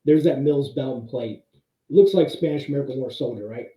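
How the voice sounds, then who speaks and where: A man hosting a monthly history talk, explaining slides conversationally, heard in tinny, low-sample-rate audio from an empty room. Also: brisk, mellow, roomy sound. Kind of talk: casual slide-show presentation. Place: pretty much empty room.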